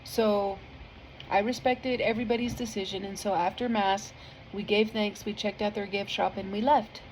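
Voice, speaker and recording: A woman speaks straight to her viewers in a loose, chatty testimony. Her voice sits at an ordinary middle pitch, and she wanders through her story with ums and restarts. She is soft-hearted and sincere, the kind who cries easily when talking about her faith. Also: fairly even intonation, normal speed, a little hiss or hum, rough recording. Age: adult with a family. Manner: earnest and heartfelt, rambling with many fillers; emotional, easily moved to tears. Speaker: vlogger sharing a faith testimony. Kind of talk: casual spoken testimony.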